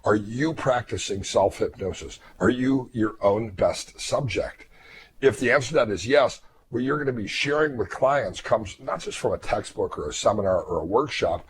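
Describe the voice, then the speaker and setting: A man in his fifties, a hypnotist and therapist, speaking earnestly to fellow hypnotists in a measured way, his voice a little weakened after throat surgery. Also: lowish voice, crowd noise. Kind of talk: reflective talk to fellow hypnotists.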